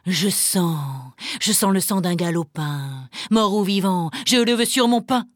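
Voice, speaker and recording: A woman's voice: medium pitch, unhurried, no room sound, clean studio sound, natural voice. Woman growling as a huge menacing ogre. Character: huge gruff male ogre.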